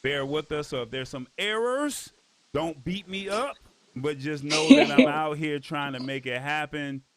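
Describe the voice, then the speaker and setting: A man's voice: a little high, unhurried. A man producing an online show, talking in an easygoing, organizing way over a video call. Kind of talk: casual chat.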